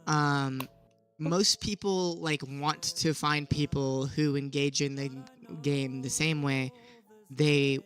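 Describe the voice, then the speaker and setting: Measured, thoughtful voice posing questions. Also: medium pitch, steady tone. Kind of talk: casual discussion. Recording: faint music behind.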